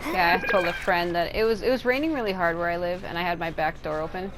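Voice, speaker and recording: A woman streamer talks fast in a fairly low voice, giving rambling, casual commentary on her game while sounding a little tired and unwell. Video game music and other background noise run behind her.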